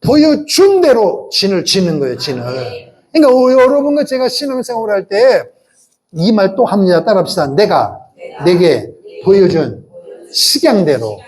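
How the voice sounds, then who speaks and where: A middle-aged male pastor preaching a sermon, animated, asking the congregation questions and leading them in repeating phrases. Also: very high-pitched, a little fast. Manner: animated preaching with rhetorical questions and call-and-response.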